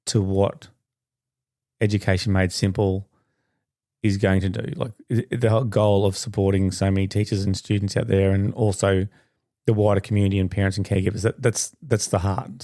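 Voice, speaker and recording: A middle-aged man tells a story in a loose, rambling, chatty way, often restarting his sentences. His voice is low and gravelly, with a dark, mellow tone. The recording is dry and close. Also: dry recording. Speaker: podcast host. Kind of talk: casual storytelling monologue.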